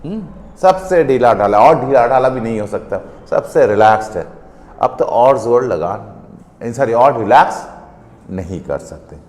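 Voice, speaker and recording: A man's voice: medium pitch, lively intonation, moderate pace, a little mellow. Man teaching in an echoey classroom. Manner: explains step by step, keeps asking students questions. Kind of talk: classroom physics lecture. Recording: echoey room, long reverb.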